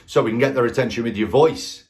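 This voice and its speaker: A man's voice: mid-range voice, fast. Punchy man coaching sales. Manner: punchy, emphatic, asks rhetorical questions. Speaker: sales trainer. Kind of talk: direct-to-camera coaching talk.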